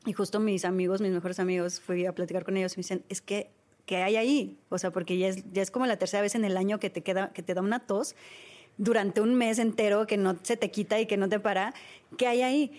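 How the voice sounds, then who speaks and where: A woman's voice: mid-range voice, steady tone, fast, darkish tone. A woman in her thirties with a Mexican accent, hosting a podcast and telling a personal story in a candid, casual way. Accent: Mexican Spanish. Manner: candid, storytelling, lots of fillers. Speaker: podcast host. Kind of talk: casual conversation.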